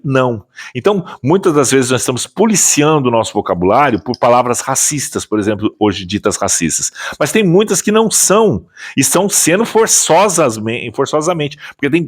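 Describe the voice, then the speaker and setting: A Brazilian man talking to his audience in an unscripted, emphatic way. His pitch swings widely, rising on pointed questions and sinking low as he makes his points, and he often restarts a phrase mid-sentence. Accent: Brazilian Portuguese. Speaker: spiritual teacher and channel host. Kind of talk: casual spoken commentary.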